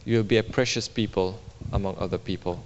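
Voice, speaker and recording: A man's voice: lowish voice, fairly even intonation, a little fast, highs cut off, slight background noise. A man interpreting a sermon line by line into English, copying the preacher's emphasis and making small grammar slips. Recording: reverberant church hall.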